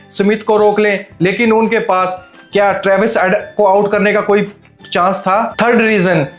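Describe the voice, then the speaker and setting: A young man speaks to camera in a high voice, breaking down a cricket final with rhetorical questions and English phrases mixed in. He wears a lapel mic in a small studio set. The sound is roomy with faint music beneath. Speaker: cricket commentator. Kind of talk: opinionated match analysis to camera. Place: indoor studio set with armchair.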